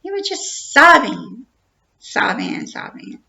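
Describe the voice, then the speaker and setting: A woman's voice: high voice, wildly swooping pitch, slow pace, gravelly, bright, forceful tone. A woman giving an earnest, repetitive personal account, acting out the dialogue as she tells it. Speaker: storyteller. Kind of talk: personal account told to camera. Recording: dull lo-fi recording.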